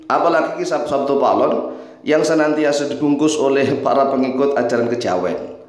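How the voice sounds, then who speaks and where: A man giving an Islamic preacher's talk in a didactic, rhetorical way, with frequent filler asides and big swings in pitch and pace. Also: a little mellow. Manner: pitch and pace jump widely between lines. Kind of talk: religious talk to camera. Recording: echoey room.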